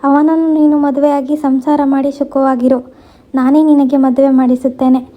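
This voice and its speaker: A woman reading the part of a gentle, consoling widowed man, in a dull lo-fi recording. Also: high-pitched, little pitch movement, normal speed, natural voice.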